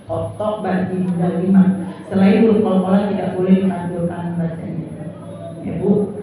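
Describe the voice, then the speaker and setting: A woman's voice: fairly low pitch, steady tone, normal speed, noisy background. A woman teaching Quran recitation to a group of women, patiently demonstrating each verse and explaining the rules. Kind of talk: tajwid lesson to women. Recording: echoey room, far from mic.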